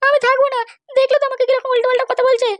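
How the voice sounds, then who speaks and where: A woman's voice: very high voice, level tone, racing, no echo, pitched above the performer's own voice. A woman voicing an upset young wife in a cartoon, whiny and indignant.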